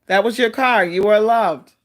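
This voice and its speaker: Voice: mid-range voice, moderate pace. A fortune teller of unclear sex giving a casual live oracle card reading, addressing people by name and reflecting on each message.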